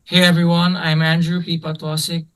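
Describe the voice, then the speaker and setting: Twenty-something filipino guy, singer in a band, polite, highish voice that stays pretty level. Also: monotone, normal speed, poor audio. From Philippines. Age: 20s. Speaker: band frontman and guest. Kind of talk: casual interview.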